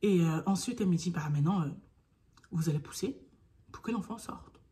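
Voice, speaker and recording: A young woman vlogger talking casually to camera, telling a personal story. She acts out her own pleas and sometimes drops to a hushed near-whisper. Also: on the low side, a little fast.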